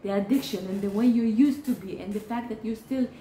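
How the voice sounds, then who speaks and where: Her voice is mellow and a little high, earnest and encouraging, though she halts and restarts frequently. She's a Hebrew-speaking therapist offering advice straight to camera, in a recording with roomy echo and a little hiss or hum.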